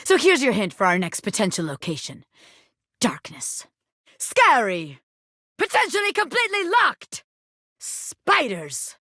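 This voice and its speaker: A woman's voice: fairly high pitch, wildly swooping pitch, a little slow, long pauses, sharp tone, no echo, clean studio sound, exaggerated voice. A woman voicing a brash, flirty bobby pin gangster in a video game, a scheming criminal mastermind with cocky, street-tough wiseguy talk. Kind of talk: animated video game character acting.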